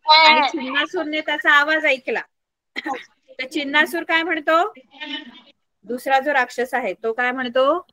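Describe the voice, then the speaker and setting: A woman teacher reading a story aloud in an online class, explaining it slowly and asking the children questions. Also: high-pitched, pushed and bright, no echo.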